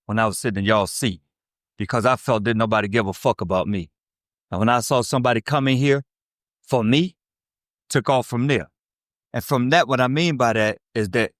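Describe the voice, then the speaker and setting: A bright-edged, mid-range male voice, recorded dry with studio quality. He's a South Side Chicago man in his fifties with the local accent, delivering a blunt, profane recovery testimony to a meeting in a streetwise manner, constantly tossing in "right?" to check in with the room.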